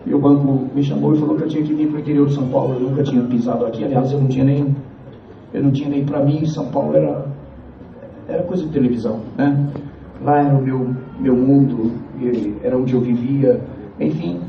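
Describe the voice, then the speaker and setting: Man, church testimony, earnest, halting, muffled, faint background noise. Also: medium pitch, fairly even intonation, gravelly. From Piauí, Brazil. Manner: earnest, halting storytelling, repeats phrases, addresses the brethren. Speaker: church member giving a testimony. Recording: echoey, distant, dull church recording.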